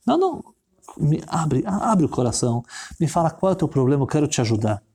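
Story figure: a man doing a caring rabbi, earnest and coaxing, lively pitch. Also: fast, a little hiss or hum. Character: earnest older male rabbi-activist, caring and persistent.

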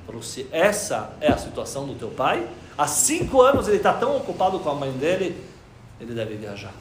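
A man telling a long religious story to an audience. He acts out each character's lines, dropping to a hush and then rising to loud cries. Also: fairly high pitch, fairly quick, reverberant, slight background noise. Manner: lively storyteller, acting out dialogue with quoted voices, swings from hushed to loud.

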